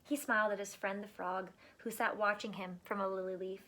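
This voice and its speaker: Reading to children from a storybook, a teacher with a medium-pitched voice brings the text alive through expressive delivery, dramatic pauses and strong emphasis.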